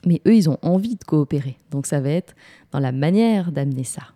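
A woman in her thirties giving parenting advice in a relaxed, hesitant way with many pauses. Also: low voice. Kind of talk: casual advice talk.

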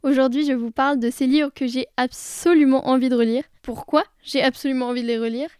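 A woman's voice: sits high, fairly even intonation, fairly quick, a little mellow, smooth, no room sound, studio quality. A young woman casually talking about books she loves, enthusiastic and chatty, with frequent hesitations. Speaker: book vlogger. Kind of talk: casual book chat.

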